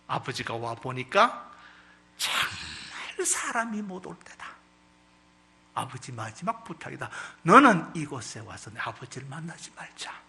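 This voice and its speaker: A man voicing a grieving aging father who pleads tearfully and slowly with his son. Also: fairly high pitch, gravelly, sharp tone, full character voice.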